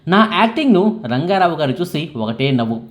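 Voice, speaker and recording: Lively male storyteller narrating a life story. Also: a little high, fairly quick. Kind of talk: scripted first-person biography narration.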